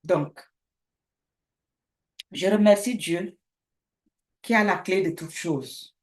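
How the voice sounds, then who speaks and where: Lively woman pastor in an echoey room. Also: on the low side, slow pace. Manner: lively storytelling, acts out both sides of a dialogue. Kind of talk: sermon with a told testimony.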